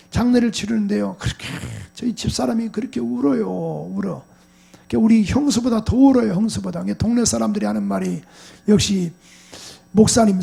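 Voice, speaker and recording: A middle-aged male pastor preaching a sermon, telling a personal story in a quiet voice and then breaking into loud, shouted exhortation. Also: sits high. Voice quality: gravelly, husky voice.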